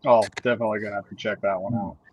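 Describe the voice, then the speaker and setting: A man as a guest on a casual live show, answering in a relaxed, agreeable way. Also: lowish voice, very fast, lo-fi sound.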